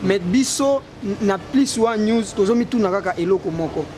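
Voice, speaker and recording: A man's voice: high-pitched, lively intonation, moderate pace. A man, a street reporter putting direct, leading questions to a passerby. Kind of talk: street interview, mixing French and Lingala. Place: outdoors on a city street. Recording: noisy street with passing traffic.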